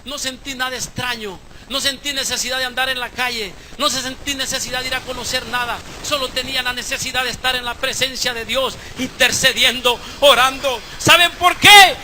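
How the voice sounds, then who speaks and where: A man preaching a sermon as pastor, moving from hushed storytelling to shouted exhortation. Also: very high voice, level tone, a little fast, hardly any pauses, a little hiss or hum. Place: church service, live stream.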